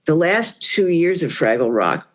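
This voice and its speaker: An older woman with a deep, sing-song voice reminisces at an unhurried pace as a guest on a podcast. Her recollections ramble warmly and conversationally, sprinkled with lots of "you know."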